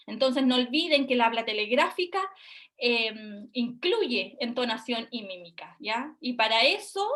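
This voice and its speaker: A woman's voice: high voice, a bit bright. A woman giving a recorded university lecture, explaining step by step and checking in with her students. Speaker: university lecturer in speech therapy.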